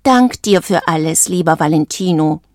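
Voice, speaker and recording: A woman reading a storybook aloud, voicing a gentle young female stork with a slow, soft, plaintive manner. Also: fairly low pitch, animated, no echo, studio quality, close to an everyday voice.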